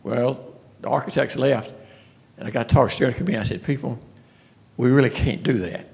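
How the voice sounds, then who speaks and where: At a city commission meeting, a man gives a casual, folksy presentation full of stories, often restarting his sentences. He speaks fast in a mid-range voice with vocal fry and a slightly mellow quality.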